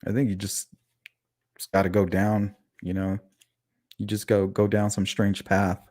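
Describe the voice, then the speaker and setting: A man with a lisp hosts a casual true-crime livestream, chatting conversationally, reading the chat aloud and asking his audience questions. His voice is on the low side, a bit slow and slightly mellow, delivered completely flat. The sound is clean studio quality with no room sound.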